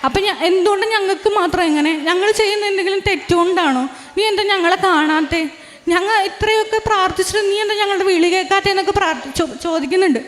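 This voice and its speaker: Very high-voiced young woman, reverberant room. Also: a bit bright. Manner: earnest, halting storytelling with restarts. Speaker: testifying believer. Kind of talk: personal religious testimony.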